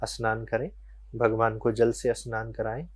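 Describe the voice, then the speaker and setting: A man's voice: on the low side, little pitch movement, measured pace, no room sound. A man working as a spiritual teacher, patiently explaining worship rules in an interview and weaving in devotional stories.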